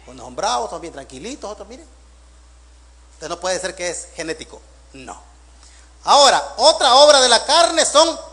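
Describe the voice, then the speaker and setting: A male pastor preaching a sermon, with rhetorical questions, loud emphatic bursts and quiet asides. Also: high-pitched.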